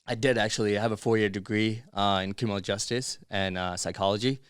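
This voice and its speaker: A Bangladesh-born man who grew up in Dubai and Miami chats casually as a podcast guest, tossing around slang like "bro" and "dude." His voice sits fairly low with fairly even intonation, and he talks fast and smoothly. The recording is dry and clean, with a studio sound.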